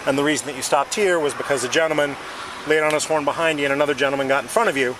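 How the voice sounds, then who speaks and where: A police officer questioning a driver at a roadside crash scene, calm and procedural, saying "okay" again and again. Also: male voice, on the high side, racing. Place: outdoors by a car at a roadside. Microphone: body-worn camera. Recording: noisy bodycam audio with traffic.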